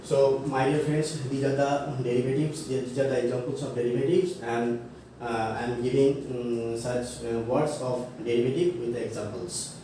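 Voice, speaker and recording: Male lecturer, unhurried, mellow tone, heard from a distance with faint background noise. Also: medium pitch, steady tone. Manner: slow, halting, many fillers and self-corrections, spells words out. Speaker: college English teacher. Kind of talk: classroom grammar lecture. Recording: echoey room, mic far off, faint noise.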